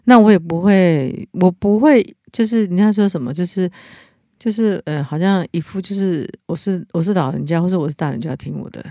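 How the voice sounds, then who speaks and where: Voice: mid-range voice, a little fast, mellow, no echo, clean studio sound. 一位带台湾口音的老师，在闲聊中恳切地讲自己的经历，常常停顿重说。. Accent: Taiwanese Mandarin. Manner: earnest, with frequent restarts. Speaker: teacher, podcast co-host. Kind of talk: casual chat, personal story.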